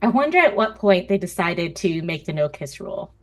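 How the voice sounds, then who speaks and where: A woman co-hosting a fan podcast in casual chat, animated and chatty, often breaking into laughter. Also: on the low side, brisk. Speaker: podcast co-host.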